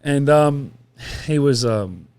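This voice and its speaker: A man's voice: mid-range voice, animated, takes it slowly, a little mellow, clear, resonant tone, no room sound. A man, a podcast guest telling long stories in a casual, rambling way with quoted asides and swearing. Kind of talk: casual interview chat.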